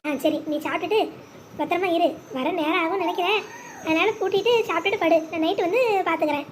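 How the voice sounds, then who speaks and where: A woman playing a nervous village husband in a cartoon, voiced unusually high and brisk. He keeps his voice low and secretive, full of worry. A faint hiss sits under the voice. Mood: hushed. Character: anxious middle-aged village husband, cautious and secretive. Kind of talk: animated storytelling.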